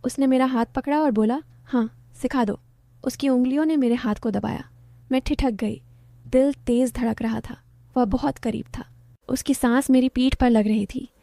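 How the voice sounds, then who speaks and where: A woman tells a first-person story in a soft, low-key voice. Her pitch sits fairly high, but her tone is mellow and warm. The recording is close and dry, with no room sound. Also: steady tone, moderate pace, gravelly, dry recording.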